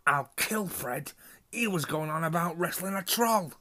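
A gloomy young schoolboy, as a man voices him, mutters wry asides, slightly raised in pitch. The tone is bright and clear, a storybook character with a grumbling manner. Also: animated, measured pace.

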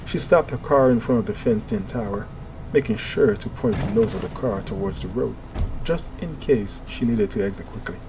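A man reading an audiobook in steady, measured scripted narration. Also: lowish voice, noisy background. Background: music.

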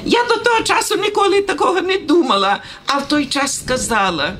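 A woman's voice: high voice, a little fast, a bit bright, a little hiss or hum, poor audio. A woman giving an emotional personal testimony at a church gathering, laughing and tearful as she tells it.

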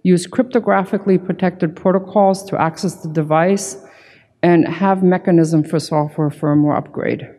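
On a big conference stage, a middle-aged woman working as a security consultant gives her keynote at the podium in a warm, fairly low voice with fairly even intonation and moderate pace. Informal and emphatic, she keeps saying "right" and "you know"; the gooseneck mic and PA carry hall reverb.

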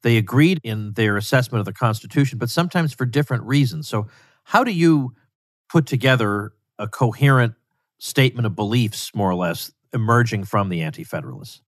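A man hosting an interview podcast, asking measured, articulate questions and reading sponsor messages. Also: mid-range voice, lively intonation, no echo, clean studio sound. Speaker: podcast host.

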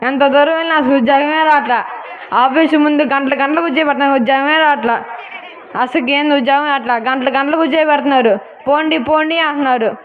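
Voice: sits high, fairly even intonation, fast, natural voice. An actor playing a poor jobless young man who complains and prays for work. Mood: complaining. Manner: complaining, pleading. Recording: tinny phone-like sound.

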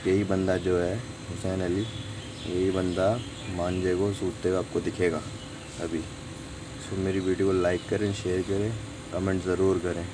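A man's voice: deep voice, level tone, normal speed. A man casually explaining a how-to in a vlog, chatty and instructive, slipping in English phrases. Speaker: vlogger. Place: outdoors in a sunny courtyard. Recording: noisy outdoor phone recording.

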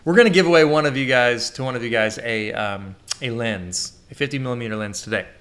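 A man's voice: medium pitch, a little fast. Joking, rambling male podcast host. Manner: jokey, rambling, animated. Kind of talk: casual live podcast banter.

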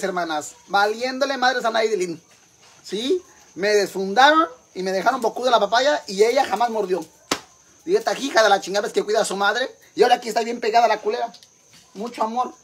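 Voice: mid-range voice, a bit bright, husky. Someone playing a crude Mexican mother. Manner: crude, rambling, addresses listeners as sisters. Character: crude brash Mexican mother, gossipy, boastful. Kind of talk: comic monologue in character.

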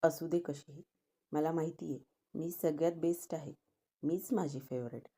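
A woman's voice: low-pitched, fairly even intonation, moderate pace, mellow, breathy edge. A woman reading a story aloud, voicing a dreamy, lovestruck young woman who talks eagerly to herself. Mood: eager, pleading. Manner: eager, girlish, talking to herself.

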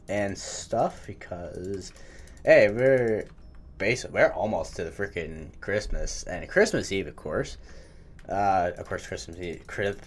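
A gaming channel host builds in Minecraft while giving live, rambling commentary in a medium-pitched, somewhat dark voice. He's chatty and self-mocking, tripping over his words and swearing mildly whenever he messes up.

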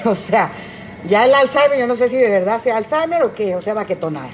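A middle-aged woman with a Mexican Spanish accent who is tipsy and high, rambling and cracking crude jokes on a cooking livestream from her home kitchen. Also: lively intonation, a little fast, a little hiss or hum. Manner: crude, joking, rambling storyteller. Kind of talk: casual livestream chat while cooking.

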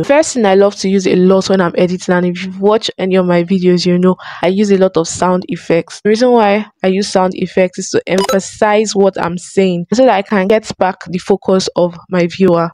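A woman's voice: mid-range voice, a little mellow. A young woman, a content creator, explaining phone video editing in a chatty tutorial vlog on an external microphone. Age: young adult.

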